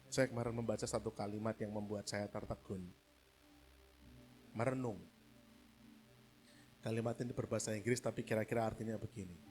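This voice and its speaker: A man preaching a sermon in a church, acting out loud pleading voices and then dropping to hushed, reflective talk. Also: on the low side, little pitch movement, brisk, long pauses, soft background music. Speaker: pastor. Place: church hall.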